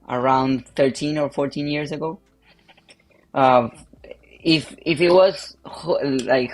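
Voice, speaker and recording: On a livestream call, an Argentine pastor whose native tongue is Spanish joins a panel conversation in English, his Argentine accent clear. His medium-pitched male voice comes out halting and full of fillers.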